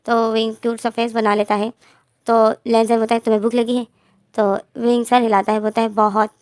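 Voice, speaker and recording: Woman, casual story narration, slightly high voice, both characters' lines in her own voice. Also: level tone, fairly quick, darkish tone, clear, resonant tone. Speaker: fan fiction storyteller.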